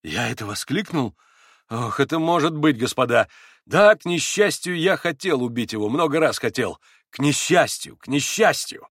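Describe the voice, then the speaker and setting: A man reading aloud and voicing an agitated young man under questioning who talks fast, nervously and effusively. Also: medium pitch, animated, fairly bright tone, breathy edge, no echo, studio quality. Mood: exclaiming.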